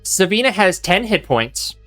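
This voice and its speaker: A man running a tabletop game as game master, talking casually and haltingly as he thinks aloud. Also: sits high, big pitch swings, a bit bright. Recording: faint music behind.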